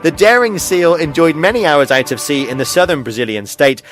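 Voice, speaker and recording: Guy on local radio reading funny news, kinda high voice, keeps chuckling, faint music behind. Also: lively intonation, fairly quick, fairly bright tone. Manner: chuckles often, lots of ums and uhs. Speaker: radio show host reading a news feature. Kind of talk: casual news reading with banter. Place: radio studio.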